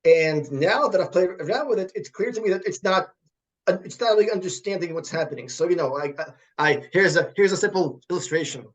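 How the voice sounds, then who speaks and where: Halting high-voiced man, often repeating words. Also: animated, a bit bright. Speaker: guest, computer science professor. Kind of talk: conversational interview.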